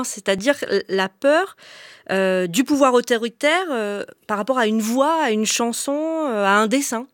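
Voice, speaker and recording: A woman hosting an interview, asking measured, formal questions. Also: fairly high pitch, dry recording, clean studio sound. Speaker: interviewer, host.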